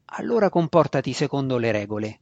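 A proud, cruel dark elf matriarch, put on by a male narrator, giving orders in a low, deliberate, domineering voice. The sound is dry and close. The recording has a slightly dull, muffled edge. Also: sing-song, no echo. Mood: commanding.

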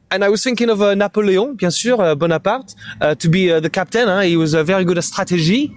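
A man's voice: high voice, lightly acted. A man putting on a thick, jokey French accent, sprinkling in French words and laughing as he talks. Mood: playful. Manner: drops French phrases, laughing, halting.

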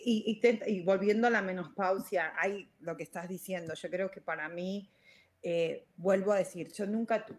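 A woman's voice: mid-range voice, darkish tone. A woman in her forties hosting a casual podcast chat, talking reflectively and dropping English fillers into her Spanish. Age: 40s. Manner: chatty and reflective, many restarts. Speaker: podcast host.

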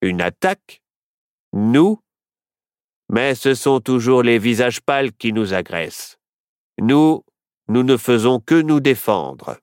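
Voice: mid-range voice, a little slow, clear, resonant tone, no room sound, clean studio sound, natural voice. A storyteller voicing a stern, wary chief in a children's storybook, speaking in a cold, defensive way.

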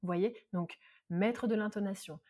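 Woman, podcast host, coaching monologue, fast talker, from France. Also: mid-range voice. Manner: very fast, lively talker with many examples. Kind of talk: self-help podcast monologue.

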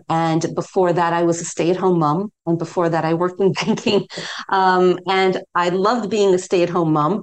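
Middle-aged American woman, yoga teacher guest, slightly low voice, measured storyteller. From New York City. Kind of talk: podcast interview guest.

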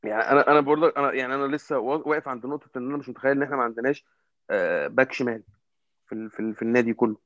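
A man with an Egyptian Arabic accent chats casually about football as a fan commentator, talking quickly but haltingly, often searching for words and repeating himself. His mid-range voice has a fairly bright tone. The sound is dry, with a slightly muffled lo-fi quality.

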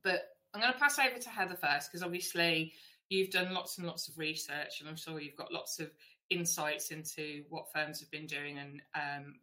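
A woman's voice: low voice, pushed and bright. A woman hosting a live online webinar, welcoming viewers in a chatty, friendly way with frequent ums. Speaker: webinar host.

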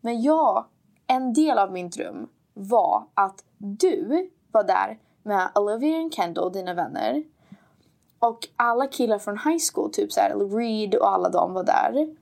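A woman's voice: mid-range voice, lively intonation, vocal fry, a little mellow. A young woman from Sweden, co-hosting a podcast, chatting casually and switching between Swedish and English with frequent laughs. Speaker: podcast co-host. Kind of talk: casual chat.

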